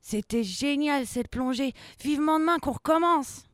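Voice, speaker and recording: A woman voicing a bossy little female mouse who captains a submarine, calling orders in a high squeaky voice. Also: normal speed, dry recording, studio quality, lightly acted. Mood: delighted. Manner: high, squeaky commanding calls.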